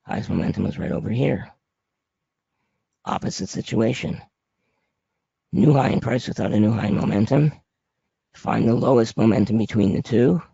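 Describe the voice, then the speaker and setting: Hoarse guy teaching off slides, super crackly low-ish voice, raspy and papery, kinda muffled audio. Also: moderate pace, long pauses, dark tone, no room sound. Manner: plain-spoken, step-by-step, conversational. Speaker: trading instructor presenting a webinar. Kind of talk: informal slide presentation.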